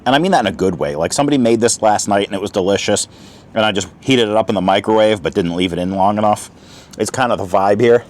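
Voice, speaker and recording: A man's voice: fairly low pitch, fast talker. A man, chatting casually outdoors while tasting and reviewing a camp meal, talking with his mouth full. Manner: chatty, talks while eating. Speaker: outdoor vlogger. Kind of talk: casual food review vlog. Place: outdoor picnic spot.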